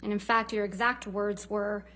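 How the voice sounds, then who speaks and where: A woman's voice: mid-range voice, fairly even intonation, a little fast. A woman lawyer cross-examining a witness in a courtroom, firing clipped, leading questions that often end in a short tag.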